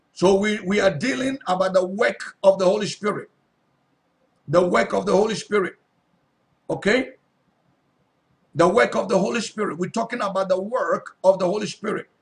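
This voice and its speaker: A male pastor preaching a sermon, reading Bible verses aloud and then repeating and stressing them, often asking his listeners if they are listening. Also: high-pitched. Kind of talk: sermon teaching scripture.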